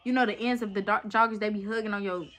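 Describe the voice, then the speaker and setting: A young woman telling a story to her viewers in a chatty, animated way. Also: medium pitch, quick pace. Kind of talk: casual storytime chat.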